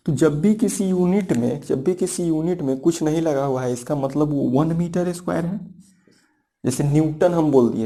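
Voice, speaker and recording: A man's voice: on the high side, mellow. A man teaching a physics class, explaining step by step, repeating key points and asking rhetorical questions. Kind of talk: classroom lecture.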